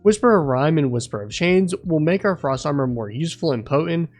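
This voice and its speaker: A man reading a scripted voice-over walkthrough in a steady, explanatory way. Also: fairly high pitch, brisk, faint music behind. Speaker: video game guide creator.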